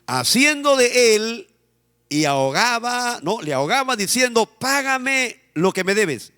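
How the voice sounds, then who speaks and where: Emphatic Peruvian pastor preaching in a hall. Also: male voice, very high voice, very animated, pushed and bright, clean tone. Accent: Peruvian Spanish. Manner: emphatic preaching, drawn-out phrases, asks the congregation to repeat. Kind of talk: sermon.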